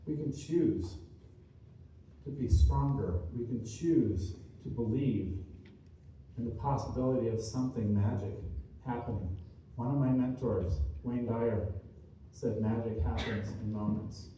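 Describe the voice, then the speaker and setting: With a warm tone and medium pitch, a motivational speaker and author gives an inspirational speech in a large indoor seminar room. He talks in an earnest, deliberate manner, repeating short, emphatic lines. A distant mic captures the echoey room and some faint noise.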